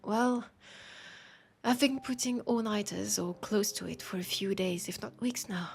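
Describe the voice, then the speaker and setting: In an intimate audio roleplay, a woman with a French accent plays a tired, passionate bookshop owner, softly and pensively teasing a vampire customer in a scripted monologue addressed to the listener. Her medium-pitched voice is gravelly and her mood weary and wry, unhurried, with sighs and pauses.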